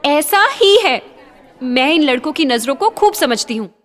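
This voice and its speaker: Lady doing a young college girl, high shrill and over the top, teasing her bestie. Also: expressive, a little slow, a bit bright, some chatter behind. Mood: teasing dramatic. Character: dramatic young college woman, jealous teasing friend.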